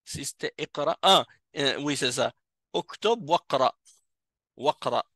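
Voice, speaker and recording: A man's voice: medium pitch, normal speed, sharp tone, no room sound, studio quality. A man teaching a classroom language lesson as an Arabic teacher, patiently repeating each word several times, recorded in a mosque classroom.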